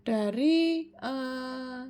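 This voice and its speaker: High-voiced woman giving self-help advice. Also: a little mellow. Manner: measured, answers her own questions, frequent "eh" fillers. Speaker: self-improvement speaker. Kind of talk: explanatory self-help talk.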